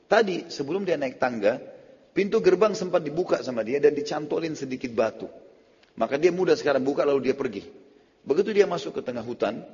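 Husky male preacher in a hall. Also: medium pitch. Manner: animated storyteller, acts out quoted speech. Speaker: Islamic preacher. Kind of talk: sermon-style storytelling lecture. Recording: lo-fi hall recording.

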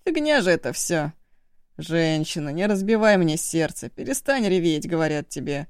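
A woman voicing a cocky, mischievous young man in an audiobook, shrill and fast-talking when cornered. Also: very animated, clear, resonant tone, no echo, studio quality. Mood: coaxing.

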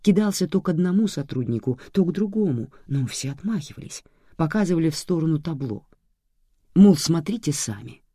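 Expressive story narrator, lively pitch, dry close sound. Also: brisk, no room sound.

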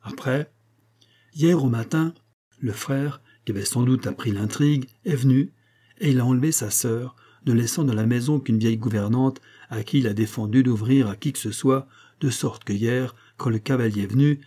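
In this audiobook, an old woman leans in to share a secret, her voice dark and husky, as a male reader gives her lines. She talks eagerly and confidingly, a poor townswoman with a story to tell. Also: mid-range voice, moderate pace, natural voice.

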